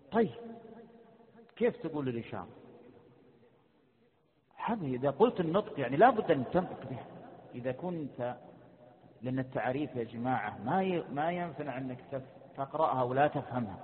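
A man leads a creed lesson, questioning his class again and again. His voice sits at an ordinary middle pitch. The recording is thin and phone-like, with a long hall reverb behind it. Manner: quizzes students, repeats questions, mixes colloquial and formal. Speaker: sheikh teaching a creed class.

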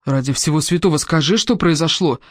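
A man's voice: a little high, fairly quick, no room sound, studio quality, lightly acted. A man reading the lines of an insistent, hot-tempered young man in an audiobook, pleading and demanding.

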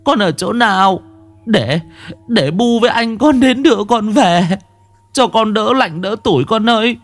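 A man's voice: high-pitched, animated, a little slow, voice pushed up. A man voicing a grieving old mother, tearful and pleading for her lost son. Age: older.

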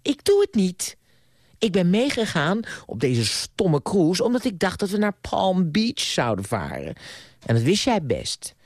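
A spoiled, defiant young heiress, put on by a male reader who sneers at everyone in a raised, swooping voice. Her pitch leaps high and wild, and the close, dry studio sound keeps every jab crisp. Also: huge pitch swings, measured pace, no room sound, heavily acted. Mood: scornful. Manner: scornful, sharp-tongued, raised falsetto-like pitch. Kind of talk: radio play reading.

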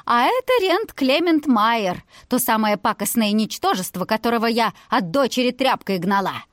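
A woman voicing an older mother who is cold, sharp-tongued and threatening. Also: fairly high pitch, animated, moderate pace, dry recording, clean studio sound, lightly acted. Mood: scornful.

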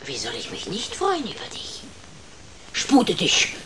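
A woman's voice: fairly low pitch, wildly swooping pitch, unhurried, crowd noise. An actress playing a cruel, greedy, half-blind old witch in a radio play, cackling and taunting, sometimes dropping to sly whispers.

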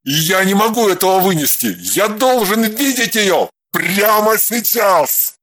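A man voicing a jealous, furious husband who snaps and shouts at his wife. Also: a little high, animated, slow, no room sound, studio quality. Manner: shouting, snapping, harsh. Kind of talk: audiobook character voice.

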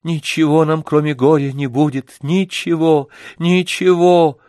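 A man reading an audiobook voices a gentle young village girl who speaks softly and earnestly. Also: a little high, fairly even intonation, unhurried, no room sound, studio quality, voice pushed up, close to an everyday voice. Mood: insistent.

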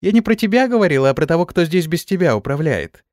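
A man's voice: on the high side, sing-song, fast, darkish tone, no echo, clean studio sound, voice pushed up. A man reading the part of a young pregnant bride who is teasing and insistent. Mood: amused. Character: young pregnant woman, playful and demanding bride.

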